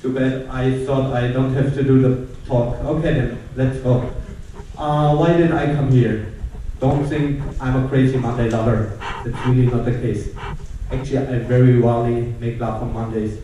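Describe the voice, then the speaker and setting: A man's voice: medium pitch, steady tone, normal speed, dark tone, a little hiss or hum. A young man with a German accent, a graduate student giving a playful, teasing, mock-dramatic welcome talk to new students. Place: large lecture hall. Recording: echoey hall from far off.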